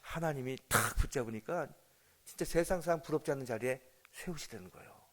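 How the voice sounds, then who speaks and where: A man's voice: medium pitch, a little fast. A male pastor telling a story in a sermon. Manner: lively storytelling, acting out family dialogue; addresses the congregation with questions. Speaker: senior pastor.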